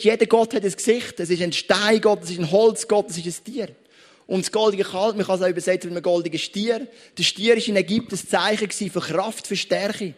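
High-voiced Swiss German preacher. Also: male voice. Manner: conversational preaching, addresses listeners directly. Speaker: pastor. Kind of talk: sermon.

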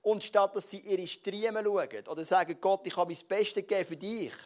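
Swiss german guy preaching, kinda high voice, gets loud then drops quiet, middle-aged pastor. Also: moderate pace. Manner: emphatic preaching with sudden loud and soft swings. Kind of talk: sermon.

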